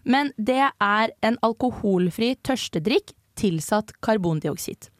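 A woman's voice: mid-range voice, no echo. A young woman from Norway co-hosts a casual student radio show. She explains at length, hesitating and correcting herself as she goes, and her voice sits in the middle of the range. The studio sound is dry and close. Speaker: co-host presenting research.

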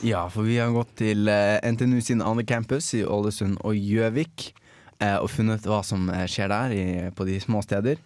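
A man's voice: fairly low pitch, fairly even intonation, a little mellow, dry recording. A man co-hosting a casual radio chat, rambling and hesitant, with many fillers. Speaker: radio co-host.

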